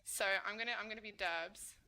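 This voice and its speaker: A woman's voice: mid-range voice, fast talker, sharp tone, rough recording. A woman with an Australian accent co-hosting a casual stream chat, teasing and slangy. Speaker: stream co-host.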